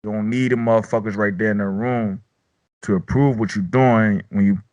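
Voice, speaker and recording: A man with a fairly low voice talks loosely into his own podcast mic. He is profane and rambling, and he repeats himself while he reviews battle raps in casual chat. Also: steady tone, normal speed, darkish tone, muffled recording.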